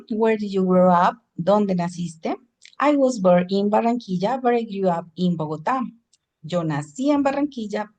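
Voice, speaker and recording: During an online class lecture, a woman teaching English gives her explanations in Spanish and moves into English for the examples. Her voice is medium in pitch with a somewhat dark tone.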